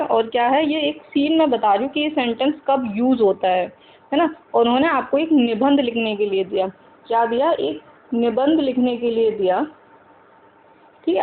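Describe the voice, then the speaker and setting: A woman teaching English to Hindi speakers. She talks slowly, repeats each example sentence several times and keeps asking the viewers questions. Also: a little high, narrow, tinny audio, slight background noise.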